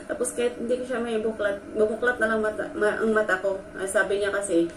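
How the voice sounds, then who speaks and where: A woman's voice: mid-range voice, flat delivery, fast. A woman vlogger telling a personal story, earnest and emotional, talking straight to her viewers. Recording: echoey room from a distance with faint noise.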